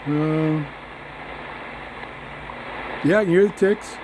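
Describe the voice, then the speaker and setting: Unhurried man with a slightly high voice, noisy background. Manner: unhurried, halting, thinking aloud. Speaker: host of a radio review channel. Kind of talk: casual hands-on demonstration. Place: small indoor garden room at home. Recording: clear background noise, radio static.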